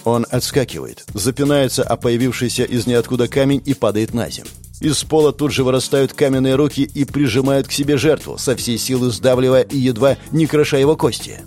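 A man's voice: medium pitch, brisk, a little mellow, faint music behind. A man giving dramatic, intense narration of a combat fantasy audiobook. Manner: intense, gritty storytelling.

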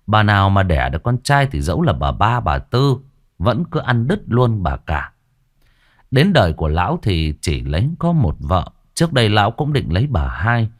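Deep-voiced male ghost story narrator.

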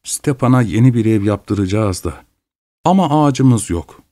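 A man's voice: on the low side, expressive, moderate pace, warm tone, close to an everyday voice. A man doing a fawning, humble peasant. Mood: wheedling. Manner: fawning, ingratiating. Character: humble, wheedling male peasant elder.

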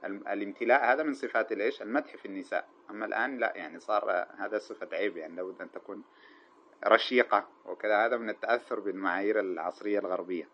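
Male grammar teacher, quick delivery, asks and answers his own questions; muffled lo-fi recording. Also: on the low side. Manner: asks the class questions with a drawn-out "what?" and answers them himself; slows down and chants the quoted verses. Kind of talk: classroom explanation of a grammar text. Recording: dull lo-fi recording.

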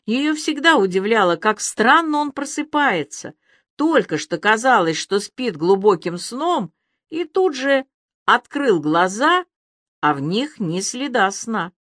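A woman narrating an audiobook in an even, measured reading. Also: fairly high pitch, no echo, clean studio sound.

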